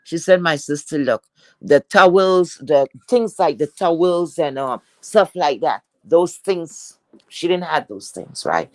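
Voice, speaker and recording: A woman's voice: low-pitched, unhurried, no room sound. A woman telling a personal story on a livestream video call, acting out the quoted dialogue. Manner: animated, acts out quoted dialogue. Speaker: guest storyteller.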